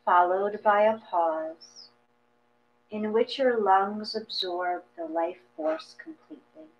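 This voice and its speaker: In this dull, lo-fi recording with audible mains hum, a female meditation guide reads slowly from a script. Her mid-range voice is expressive yet gentle, and she measures each phrase, leaving long silences in between.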